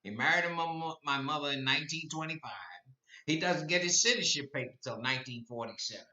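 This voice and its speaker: Bright-voiced man in his eighties. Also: on the high side, quick pace. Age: 80s. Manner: rambling, repeats himself, grows impassioned. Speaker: podcast host. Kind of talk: rambling live-stream monologue. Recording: echoey, distant, dull lo-fi.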